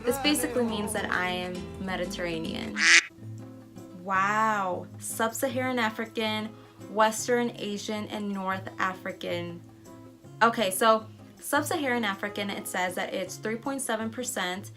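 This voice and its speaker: Unhurried and medium-pitched, this American travel vlogger, a Spanish native speaker, reacts casually on camera with faint music behind her. The young woman is excitable, reading out results and tossing in surprised comments.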